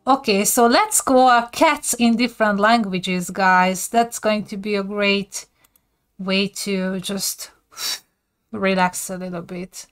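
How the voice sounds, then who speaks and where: A woman's voice: mid-range voice, slow pace, fairly bright tone, clear, resonant tone. A woman streamer chatting casually and laughing as she reacts to a video. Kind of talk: casual live-stream chat.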